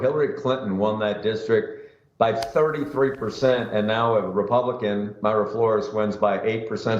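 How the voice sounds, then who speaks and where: Halting male guest in a roomy remote feed. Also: lowish voice, muffled recording. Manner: halting, many "uh" pauses. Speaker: former governor, guest. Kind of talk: TV news interview.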